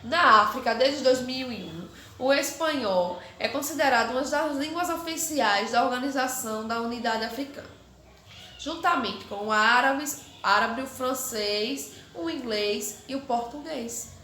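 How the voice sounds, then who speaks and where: A middle-aged woman teaching a recorded class, explaining slowly and often checking understanding with a quick question. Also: high-pitched, bright, forceful tone, reverberant, slight background noise. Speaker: Spanish teacher.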